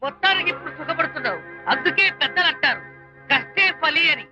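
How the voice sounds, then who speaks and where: A man's voice: very high-pitched, expressive, fast talker. An actor playing a meddling, teasing male friend who speaks theatrically and quotes proverbs. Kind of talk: Telugu film dialogue. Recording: slightly dull film soundtrack with music.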